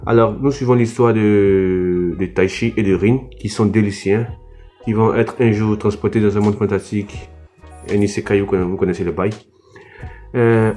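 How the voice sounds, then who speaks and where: A man's voice: on the low side, steady tone, normal speed, mellow, faint music behind. A young French man reviewing anime casually, hesitant, with frequent fillers and restarts. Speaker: anime YouTuber.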